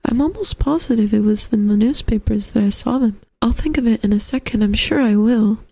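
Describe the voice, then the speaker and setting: Woman reading as a polite, puzzled young lodger, mellow voice. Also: fairly high pitch, brisk, gravelly, husky. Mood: searching memory. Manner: musing, hesitant, courteous. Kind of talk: storybook character voice.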